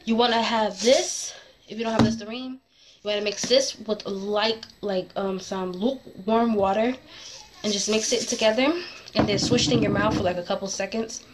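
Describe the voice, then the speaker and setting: A young woman vlogger gives casual advice to camera, rambling and distracted, correcting herself as she goes. A tongue piercing makes her speech slightly slurred and lisping; her voice is medium-pitched, steady and at normal speed, with a noisy background.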